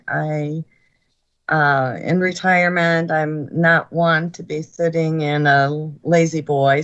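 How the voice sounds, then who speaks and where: An older woman speaking as a guest in a radio interview, earnest and grateful, with halting restarts, her voice sounding as if taped off the radio. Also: low-pitched, highs cut off. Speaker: guest author.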